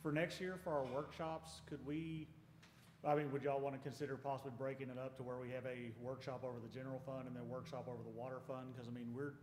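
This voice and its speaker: A man's voice: mid-range voice, flat delivery, fast talker, a little mellow, slight background noise. A man speaking casually and candidly as a council member. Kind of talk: council meeting discussion. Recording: roomy council chamber with long reverb.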